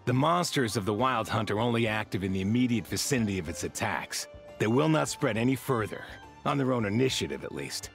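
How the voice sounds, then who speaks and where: An actor voicing a calm, reserved male watchman in a video game, speaking in a measured way. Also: lowish voice, creaky, faint music behind.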